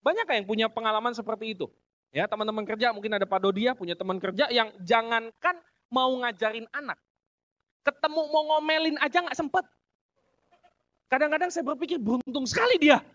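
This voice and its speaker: A man's voice: extremely high pitch, steady tone, fairly quick, fairly bright tone, no echo. A middle-aged man from Indonesia giving a motivational business talk to an audience, joking and chuckling at his own punchlines. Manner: addresses audience as "Bapak Ibu sekalian". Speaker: business seminar speaker. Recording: dry, dull lo-fi audio.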